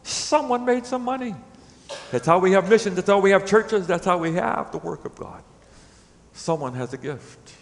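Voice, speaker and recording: A middle-aged man preaching a sermon in a church, swinging between loud emphatic peaks and hushed low lines. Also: lively intonation, moderate pace, in a large hall, slight background noise. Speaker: pastor. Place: church sanctuary.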